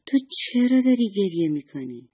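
A woman's voice: mid-range voice, very animated, mellow, breathy edge, dry recording, voice pushed up. A woman voicing a cheerful, motherly sun who talks in a coaxing, affectionate way in a children's story. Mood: puzzled. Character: kind motherly sun lady, cheerful and soothing.

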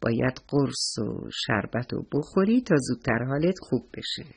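A man voicing a kind, patient doctor who talks slowly and reassuringly. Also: medium pitch, lively intonation, gravelly, husky. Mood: kindly. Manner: slow, reassuring. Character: kind middle-aged male doctor, warm and patient.

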